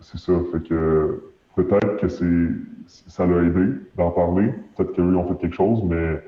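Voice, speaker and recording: Man's deep pitch-shifted voice, hesitant Quebec French. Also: fairly even intonation, a little slow, reverberant, muffled recording. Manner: hesitant, searching for words. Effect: voice pitch-shifted down to disguise identity. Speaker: anonymous witness being interviewed. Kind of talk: halting personal testimony.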